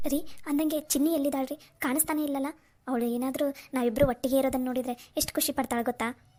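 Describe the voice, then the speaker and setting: A woman's voice: high-pitched, steady tone, fast talker, a little mellow, lightly acted. Woman voicing a tearful, repentant cartoon wife. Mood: relieved. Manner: tearful pleading. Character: young repentant wife, begging forgiveness.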